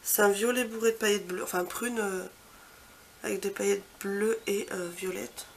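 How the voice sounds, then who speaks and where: A woman beauty vlogger talks through a swatch walkthrough with a gravelly, creaky edge to her mid-pitched voice. She heaps on the superlatives, then drops into soft, murmured asides. A faint hum of background noise sits under her. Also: fairly even intonation, normal speed. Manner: chatty, trails off into soft quiet asides; gushing, repeats superlatives. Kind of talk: casual product swatch walkthrough.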